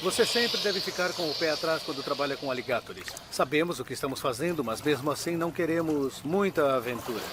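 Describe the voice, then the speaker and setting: A man's voice: fairly high pitch, expressive, brisk, few pauses, close to an everyday voice. An actor voicing a crocodilian researcher, a man speaking in a dubbed nature documentary. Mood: cautious, explaining. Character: male crocodilian researcher, cautious and impressed. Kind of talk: dubbed nature documentary interview and field commentary. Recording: noisy, outdoor ambience behind.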